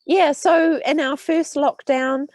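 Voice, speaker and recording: Her high-pitched voice moves slowly with fairly even intonation, recorded without room sound. She's a New Zealander in her thirties who researches urban health, stuffed up with a cold, explaining things warmly to students amid many fillers and restarts.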